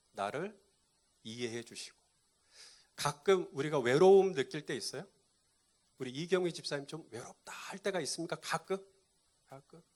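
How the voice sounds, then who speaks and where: A pastor preaching a sermon to a live congregation, quizzing them and repeating key points. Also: male voice, fairly high pitch.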